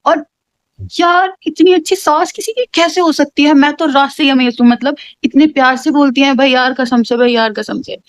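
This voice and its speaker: A young woman vlogging from home, telling a story in a chatty, animated way and dropping English words into her talk. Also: high-pitched, moderate pace, no echo. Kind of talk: casual chatty vlog. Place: home, indoors.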